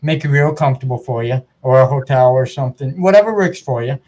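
A man's voice: medium pitch, quick pace, darkish tone, slight background noise. A man hosting a casual podcast interview, friendly, chatty and easygoing. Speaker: podcast host.

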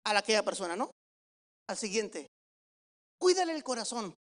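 A man preaching as a pastor, animated, asking the congregation questions and swinging from soft to loud. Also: high-pitched, normal speed. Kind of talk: sermon with practical advice.

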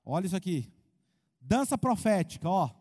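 A Brazilian man preaching as a pastor, animated, asking the crowd questions and acting out quotes. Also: high voice, normal speed. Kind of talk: lively sermon with humor. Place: church hall. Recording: long hall reverb.

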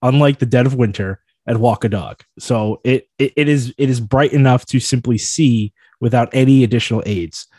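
A man's voice: medium pitch, normal speed, hardly any pauses, a little mellow, no echo. Man, podcast co-host from the New York City area, playful and riffing, dry close sound. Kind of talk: casual chat.

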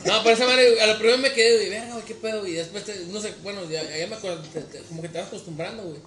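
A man in a casual chat, excited and stammering on restarts. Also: sits high, racing. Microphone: phone. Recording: echoey room, music behind.

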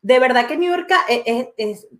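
A woman hosting a casual live-stream chat, animated and talkative. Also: high-pitched, normal speed. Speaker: host.

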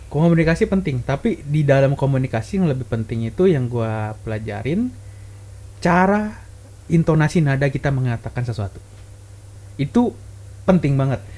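A man's voice: medium pitch, lively intonation, moderate pace, pauses often, a little mellow. A man co-hosting a casual podcast chat, explaining at length and acting out examples in a raised voice. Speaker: podcast co-host.

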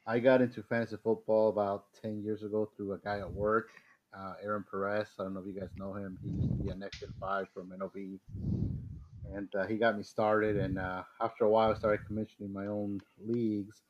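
A man's voice: on the low side, little pitch movement, a little fast. A man from Mexico, a guest on a podcast, chatting casually and rambling with many fillers and restarts. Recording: slightly dull lo-fi sound with faint noise.

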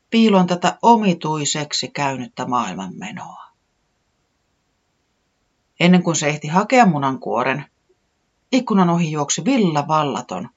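A storyteller reading a children's story aloud with expressive narration. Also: mid-range voice, dull audio.

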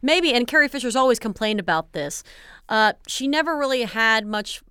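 A woman's voice: on the high side, animated, normal speed, sharp tone, clean tone, dry recording. A woman co-hosting a podcast in casual chat, speculating in long run-on sentences. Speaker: podcast co-host.

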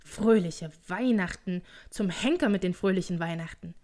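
A woman voicing a grumpy, miserly old man in a storybook reading, with gruff, scornful, slow speech. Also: mid-range voice, natural voice.

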